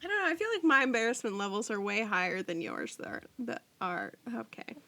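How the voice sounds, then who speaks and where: A woman co-hosting a podcast in casual chat, animated and swearing casually. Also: a little high, brisk, gravelly. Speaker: podcast co-host.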